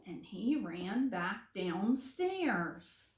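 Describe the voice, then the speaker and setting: A woman teacher reading a picture book aloud to young children, animated, with hushed asides to her listeners. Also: mid-range voice, drawn-out words. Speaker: first grade teacher. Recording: roomy room, distant mic.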